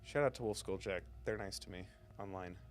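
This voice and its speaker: A man's voice: sits low, fairly quick. A man livestreaming a game with casual commentary and joking, theatrical asides. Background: faint game music.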